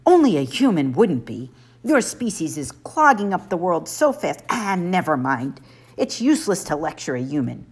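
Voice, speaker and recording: A woman's voice: sits low, big pitch swings, normal speed, breathy edge, full character voice. A woman voicing an earnest, plaintive young male satyr in an audiobook. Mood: indignant.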